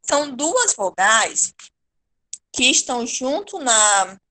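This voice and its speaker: A middle-aged Brazilian woman teaches grammar to a class, her voice pitched high. She patiently repeats example words, drawing them out slowly to show how the syllables split. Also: sing-song, pushed and bright. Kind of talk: online Portuguese grammar lesson.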